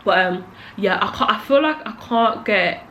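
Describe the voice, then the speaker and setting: A young woman talks casually to camera with a lisp, as if her swollen cheek stops her mouth closing fully. Her pitch is average, and she rambles in a candid, slangy way. There is faint noise behind her. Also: expressive, moderate pace, sharp tone. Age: young adult. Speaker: video creator.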